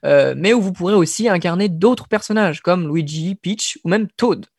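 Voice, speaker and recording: A man's voice: high-pitched, moderate pace, darkish tone, slightly rough, no echo, studio quality. A man presenting video game news on a radio show in a casual, hesitant way, with lots of fillers and wry asides.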